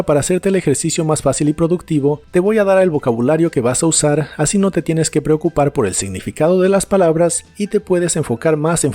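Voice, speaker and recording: A man narrating an English lesson in a mellow, somewhat raised voice, slowing right down to repeat each word for pronunciation. Light music plays softly under his voice. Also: fairly high pitch. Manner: slow, careful word-by-word pronunciation drills. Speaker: English teacher. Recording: soft music behind the voice.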